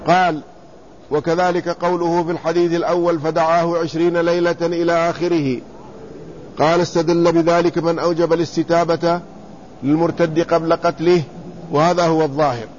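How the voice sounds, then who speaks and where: A man teaching a lesson in classical Arabic, reading quoted commentary and then explaining it, repeating words slowly to spell out their vowels. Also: fairly high pitch, level tone, darkish tone. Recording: slightly dull lo-fi recording with faint room noise.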